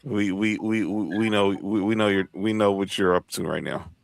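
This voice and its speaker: A man with a low, gravelly voice co-hosts a casual podcast. He rattles through lists, restarting phrases as he goes, and the recording is dry and close. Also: fairly even intonation, moderate pace, dry recording. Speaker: podcast co-host. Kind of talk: casual chat.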